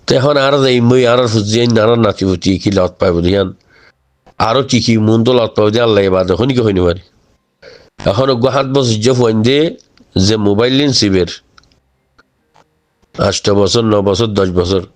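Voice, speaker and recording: A man's voice: on the low side, moderate pace, long pauses. A man with a Rohingya accent close to Chittagonian speaks informally to his community, exhorting them and often checking with rhetorical questions that they follow. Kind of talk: informal spoken address.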